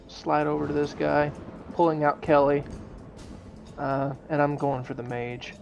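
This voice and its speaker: A man's voice: a little high, monotone, measured pace, creaky, a little mellow, muffled recording, soft background music. A man chatting casually as a player in a tabletop fantasy game.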